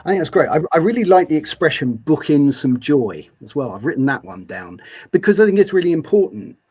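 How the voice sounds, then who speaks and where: A man's voice: on the high side, big pitch swings, fairly quick, darkish tone, breathy edge, dull audio. A man hosting an interview, enthusiastic and often repeating words as he starts a sentence. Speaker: podcast host. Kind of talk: interview conversation.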